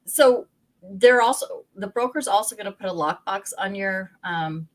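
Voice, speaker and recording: In a low-quality recording, a woman of medium pitch speaks at a moderate pace while co-hosting a real estate podcast. She talks in a loose, rambling way with a Pacific Northwest American accent, often restarting and breaking into laughter.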